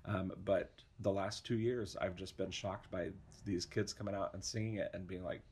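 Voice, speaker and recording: A man who directs opera education talks in a relaxed podcast interview, full of fillers and restarts. His voice sits low and has a husky, breathy edge. He sounds enthusiastic and chatty. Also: moderate pace.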